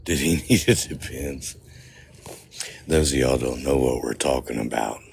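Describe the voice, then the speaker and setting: A man with a strikingly deep voice tells stories to his livestream viewers, joking, swearing and breaking into laughter. He speaks slowly and easily, recorded outdoors in a cemetery at night with a faint hiss behind him. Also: gravelly. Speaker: paranormal vlogger. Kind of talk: casual storytelling to a livestream audience.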